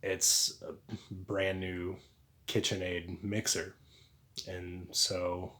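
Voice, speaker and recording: Low slow guy telling a personal story, lots of uh and like, earnest. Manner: halting, full of fillers and restarts; earnest and confessional.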